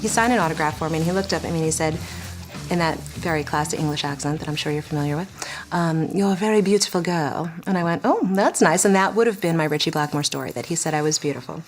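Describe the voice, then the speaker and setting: A woman's voice: sits low, quick pace, soft background music. A woman from New York telling a story in an interview, bubbly and giggly.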